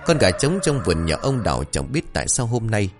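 A man's voice: lowish voice, sing-song, a little fast, over music. A man narrating a scripted ghost story in a dramatic, suspenseful way.

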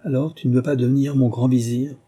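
A man's voice: medium pitch, flat delivery, quick pace, dark tone, natural voice. A man voicing a stern, unforgiving king who gives orders in a raised voice in an audiobook reading. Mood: gracious. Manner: commanding, raised voice.

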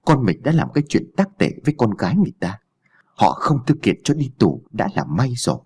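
A man's voice: medium pitch, big pitch swings, a little fast, a little mellow, slightly rough. A man voicing an exhausted, resigned poor older father in an audio story. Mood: anguished.

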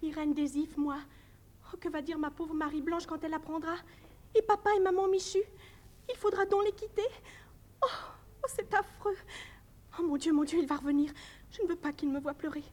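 A woman acts out a timid, sensitive young woman in a 1950s operetta broadcast. Her voice is very high, soft and tremulous. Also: little pitch movement, fast talker, close to an everyday voice. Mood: distressed. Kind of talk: 1950s radio operetta acting.

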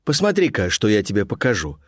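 A man's voice: lowish voice, huge pitch swings, fairly quick, breathy edge, no room sound, studio quality, full character voice. A man playing an impatient eager officer. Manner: impatient exclamations.

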